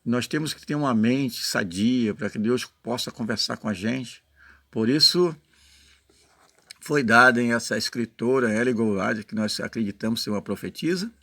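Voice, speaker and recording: A man with a Brazilian Portuguese accent delivers an informal sermon, close and dry in sound. His voice is mid-pitched and bright with noticeable creak. He explains earnestly, moving between reading and direct address with frequent short check-in tags. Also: normal speed, dry recording. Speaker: lay preacher. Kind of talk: informal sermon with passages read aloud.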